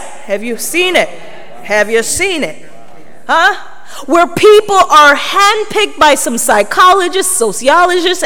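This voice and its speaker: A woman with a very high, slightly bright voice preaches to her congregation in a big reverberant hall. Her sermon is emphatic and full of rhetorical questions meant to prompt the listeners, and the recording echoes with long reverb.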